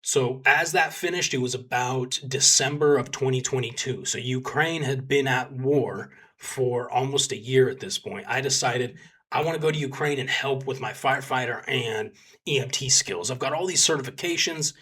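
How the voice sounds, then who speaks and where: Speaking at a normal speed with a medium pitch and a slightly rough edge, a young man from Texas, United States shares his experience as a volunteer combat medic. He rambles casually with lots of fillers and gets lively quoting others.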